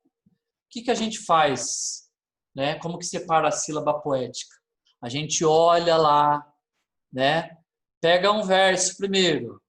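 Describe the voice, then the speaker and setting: A man's voice: a little high, slow, fairly bright tone, reverberant. A man, teaching a literature lesson and checking in often with his class.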